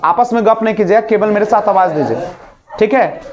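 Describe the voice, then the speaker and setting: A man's voice: high voice, a little fast, lo-fi sound, slight background noise. A man teaching a spoken English class in a classroom, drilling students with repeated questions and having them repeat after him. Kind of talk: classroom lesson.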